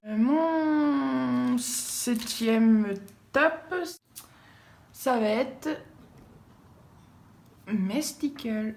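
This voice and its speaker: Woman, casual vlog chat, rambling, lots of fillers and repeats, mid pitch, faint noise. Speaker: vlogger showing her art supplies.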